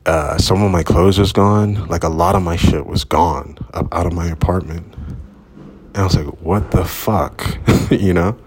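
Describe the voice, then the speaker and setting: A low-voiced man with a husky, grainy tone tells a personal story in a loose, rambling way. He is candid and swears freely, talking outdoors as if to a friend. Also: steady tone, normal speed, darkish tone. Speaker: vlogger. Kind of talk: casual storytelling. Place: outdoors at sunrise.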